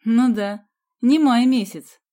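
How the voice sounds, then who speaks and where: A woman's voice: fairly high pitch, takes it slowly, mellow, voice pushed up. A woman voicing a cocky schoolboy who mocks his friends in a boastful tone. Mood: mocking. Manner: boastful, mocking. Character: cocky teasing schoolboy Sidyakin.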